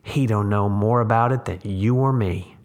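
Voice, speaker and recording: A man's voice: on the low side, normal speed, lightly acted. A man voicing a young one-armed drifter with a firm, nasal voice who talks in a preaching way in a story reading. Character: young one-armed tramp, composed, dissatisfied. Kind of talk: audiobook reading.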